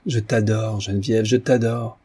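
Troubled devoted husband, earnest and hesitant, read by a male narrator in a dark, low voice. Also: level tone, measured pace, husky. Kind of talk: audiobook reading.

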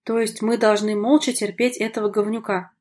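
A woman voicing a rude, hot-tempered young man in an audiobook, reading his lines in a loud, aggressive, hostile way. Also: mid-range voice, little pitch movement, brisk, lightly acted. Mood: indignant. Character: hostile young man, sullen, quick to anger.

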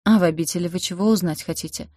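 A feverish young man, bitter and mocking, his words weak and hissing, as a woman voices him in an audiobook. The voice sits low and mellow, recorded dry and close. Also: fast, slightly rough, no room sound.

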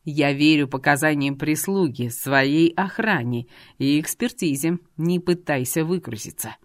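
A woman's voice: low voice, measured pace, no echo, clean studio sound. A woman voicing a stern middle-aged businessman who speaks in a cold, clipped, growling way. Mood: angry.

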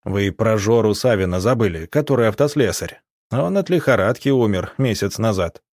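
A man's voice: on the low side, expressive, normal speed, darkish tone, dry recording, studio quality. A man playing a level-headed young man who speaks in a distracted, matter-of-fact way. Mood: calm. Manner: absent-minded, matter-of-fact.

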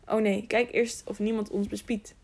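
A woman reading as a dying masked knight, weak and whispery, with a gravelly edge. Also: medium pitch, level tone, moderate pace, natural voice. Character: gravely wounded masked male knight, proud.

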